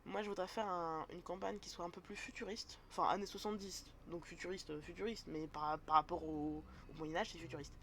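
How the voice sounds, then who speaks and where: A woman's voice: on the low side, fairly even intonation, brisk, few pauses, a bit bright, a little hiss or hum. Chatty woman streamer, rambling. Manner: rambling, chatty, self-correcting. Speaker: streamer explaining tabletop role-playing. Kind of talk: casual live-stream explanation.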